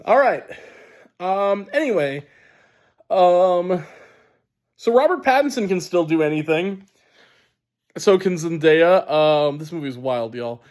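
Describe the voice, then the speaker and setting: A man with a fairly high voice reviews films casually. He sounds wheezy and stuffed up in the sinuses, and he talks emphatically with a halting, unscripted flow. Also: a little mellow. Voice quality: wheezy, congested voice. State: sinus congestion. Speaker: film reviewer. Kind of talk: casual spoken movie review.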